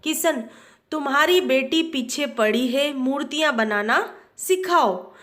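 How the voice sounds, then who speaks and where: A woman's voice: high-pitched, slow pace, fairly bright tone. A woman teacher reading the lines of a caring village mother who is soothing but firm. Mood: concerned.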